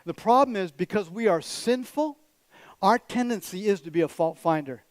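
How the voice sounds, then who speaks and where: A man's voice: high voice, expressive, moderate pace, dry recording. A man preaching a sermon as a pastor, direct and conversational, with teasing asides to the congregation. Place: church.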